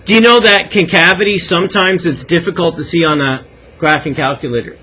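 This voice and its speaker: Bright high-voiced Canadian math teacher. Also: male voice, brisk, a little hiss or hum, low-quality recording. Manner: encouraging, asks many questions. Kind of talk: classroom lecture. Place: classroom.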